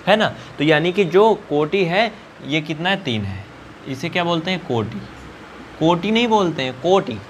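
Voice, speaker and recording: A man's voice: fairly high pitch, a bit bright, slight background noise. A male math teacher from India explaining coordinates at a whiteboard in a colloquial, coaxing way, asking questions and answering them himself.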